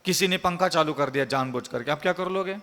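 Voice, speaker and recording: A man's voice: a little high, quick pace, a bit bright, big-room sound. A man, a monk, giving an emphatic, repetitive sermon full of rhetorical questions. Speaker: Jain monk giving a discourse.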